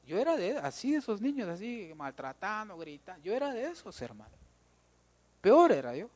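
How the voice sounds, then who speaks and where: Guatemalan preacher guy, kinda high voice, jokey and animated sermon at church. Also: normal speed. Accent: Guatemalan Spanish. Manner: lively, joking, talks straight to the congregation.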